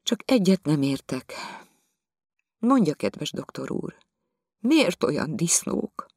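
A high, shrill lady of the house, pleading and tearful one moment and demanding the next, as a man reading the book puts her on. Her voice swoops and rises as she insists on her way. The storybook sound is close and dry. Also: sing-song, darkish tone, husky, no echo, heavily acted. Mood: plaintive. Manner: high-pitched, pleading, then shrieking. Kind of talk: audiobook character voice.

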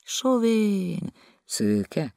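A man's voice: sits high, huge pitch swings, vocal fry, a little mellow, no echo, studio quality, pitched above the performer's own voice, exaggerated voice. A man reading the part of a lovesick, boastful young man who confides eagerly in his friend.

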